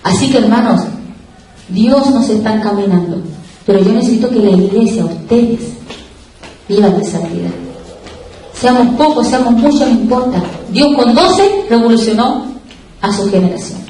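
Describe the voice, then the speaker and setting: Woman preacher, higher voice, testimony sermon, distant mic in a very echoey hall. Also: lively intonation, normal speed, pauses often, warm tone, slight background noise. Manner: testimony told with acted-out dialogue. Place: church hall. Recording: echoey church hall from far off.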